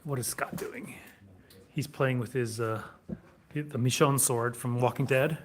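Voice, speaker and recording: A man's voice: medium pitch, fairly even intonation, unhurried, background noise. A man co-hosting a sword shop live stream, reading viewer comments aloud in a casual way.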